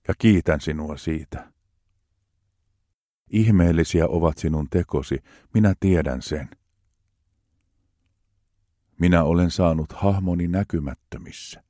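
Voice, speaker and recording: Low deep male voice, slow solemn psalm reading, dry no-room sound. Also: dark tone, dry recording. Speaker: scripture reader.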